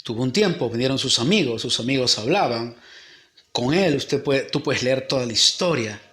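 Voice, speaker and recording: A man's voice: medium pitch, expressive, normal speed, a bit bright. A male pastor preaching a sermon with emphatic, repeated phrases. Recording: roomy echo with faint music.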